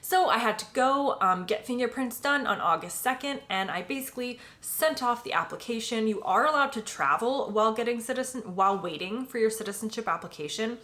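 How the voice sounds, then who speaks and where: A woman's voice: on the high side, expressive, a little fast, hardly any pauses, fairly bright tone. An American woman in her late twenties, talking casually to the camera in a personal vlog, full of "um" and "like" fillers. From United States. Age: late 20s. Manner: chatty, filler-heavy, often says "like" and "um". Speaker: vlogger.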